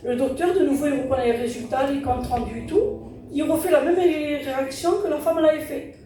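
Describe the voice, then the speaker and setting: A woman's voice: high voice, normal speed, mellow. A woman giving an earnest testimony at a church service, retelling events through a string of repeated "I said" and "he said". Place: church hall during a service. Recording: very echoey hall, distant mic, music behind.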